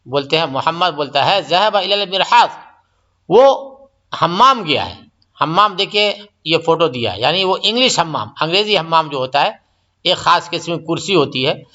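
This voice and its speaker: A man teaching an Arabic lesson, explaining each phrase and then repeating and translating it slowly. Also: on the high side, pushed and bright. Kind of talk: classroom-style language lesson. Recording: dull lo-fi recording.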